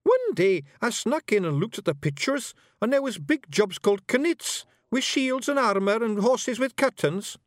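A man's voice: very high-pitched, sing-song, normal speed, few pauses, no room sound, studio quality, voice pushed up. A man voicing a very tiny, earnest male fairy with a Scottish accent who talks eagerly.

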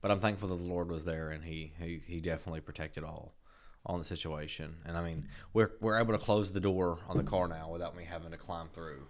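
A man's voice: low voice, steady tone, quick pace. A man co-hosting a podcast in casual chat, rambling and slangy, often repeating his words. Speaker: podcast co-host.

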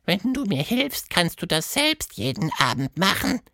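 A tiny, playful tentacled creature from a children's storybook squeaks its lines high and with wide swings. The voice stays earnest and eager. The recording is dry and close. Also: male voice, big pitch swings, unhurried, sharp tone, no echo, exaggerated voice. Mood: squeaky, pleading. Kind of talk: storybook narration.

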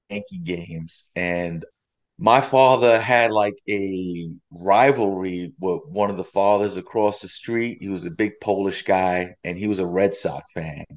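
A man's voice: low voice, a little slow. A man in his forties, a podcast guest telling rambling stories in casual chat, full of fillers. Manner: rambling storytelling with many fillers.

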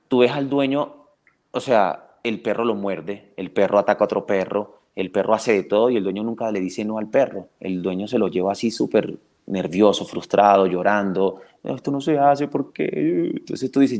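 Low-voiced Colombian dog trainer, animated. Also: male voice. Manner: animated, full of restarts, acts out owners and dogs. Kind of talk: podcast interview, explaining at length. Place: his dog training school.

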